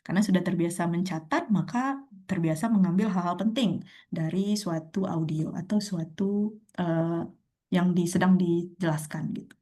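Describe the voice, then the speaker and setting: A woman's voice: lowish voice, moderate pace, warm tone. A young woman speaking in an online webinar lesson, chatty, with many fillers and frequent laughs. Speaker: speaker at an online sharing session.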